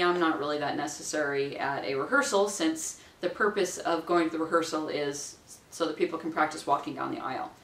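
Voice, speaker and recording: A woman in her forties, a wedding minister, giving practical training to camera in a chatty way, playfully acting out what people say. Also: fairly low pitch. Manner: chatty, practical, acts out quotes with a bright lilt. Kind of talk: instructional talk to camera. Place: small room at home, indoors. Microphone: camera mic at a distance. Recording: roomy, distant camera sound.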